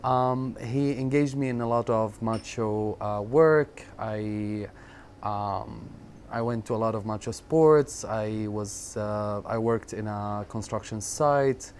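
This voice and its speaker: A man in his thirties from Syria, telling his life story in an interview, reflective and halting, often repeating words and pausing on fillers. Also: fairly low pitch, a little mellow. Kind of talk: personal storytelling in conversation. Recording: faint background noise.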